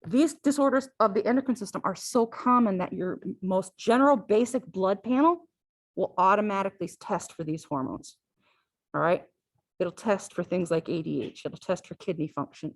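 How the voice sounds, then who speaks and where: A woman's voice: medium pitch, moderate pace, dry recording, low-quality recording. A woman teaching a physiology class, talking conversationally and often checking in with "all right?". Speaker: physiology lecturer. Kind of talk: classroom lecture.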